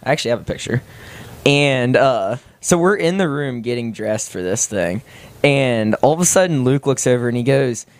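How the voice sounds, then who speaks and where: A man's voice: medium pitch, lively intonation, moderate pace, no echo. Young guy telling a story on a podcast, laughs a lot, mid voice, dry mic. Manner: laughing while telling an anecdote. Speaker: podcast co-host. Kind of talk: casual storytelling chat.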